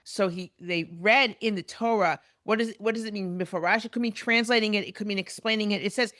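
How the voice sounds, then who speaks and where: A woman's voice: mid-range voice, fairly quick, fairly bright tone, no room sound. Woman teaching Bible text, dry sound. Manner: reads Hebrew verses aloud, then translates and explains. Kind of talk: recorded lecture.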